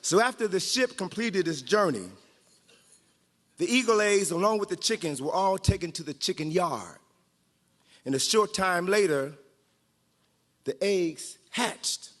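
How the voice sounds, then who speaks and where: Reading aloud as a guest storyteller, the man, an author and historian, keeps a live group entertained with playful drama and jokes. His high, expressive, fairly bright voice is unhurried and marked by long pauses, carrying through a large reverberant hall at a training event.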